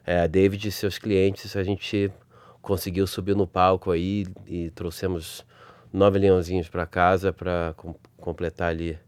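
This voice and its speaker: A man's voice: sits low, little pitch movement, a little slow, a little mellow, smooth, no room sound. A man with a Rio de Janeiro carioca accent chatting casually as an interview guest, using informal, colloquial language. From Rio de Janeiro, Brazil. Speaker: podcast guest, advertising creative executive.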